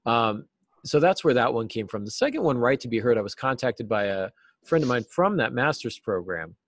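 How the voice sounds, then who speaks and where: This middle-aged writing teacher, interviewed as a guest, gives conversational answers via video call from a small office indoors. He speaks fairly quickly at a medium pitch with big swings in intonation, and there's no echo.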